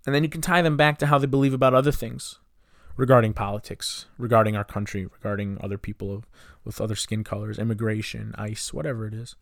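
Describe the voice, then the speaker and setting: A man's voice: lowish voice, steady tone, fast talker, gravelly, a bit bright, dry recording. Impassioned young man ranting, dry close mic. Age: 20s. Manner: impassioned, frustrated, rhetorical questions. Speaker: podcast host. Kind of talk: solo podcast monologue.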